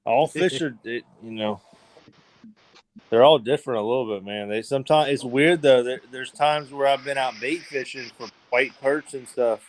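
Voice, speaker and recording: A man's voice: mid-range voice, normal speed. A man hosting a livestream, chatting casually about fishing in a rambling, laid-back way full of fillers. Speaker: livestream host.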